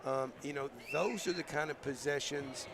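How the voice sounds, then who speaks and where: A male basketball coach, talking in a halting, thoughtful way with many fillers, his voice going hoarse, in a postgame interview. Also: on the high side. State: losing his voice. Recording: crowd noise behind.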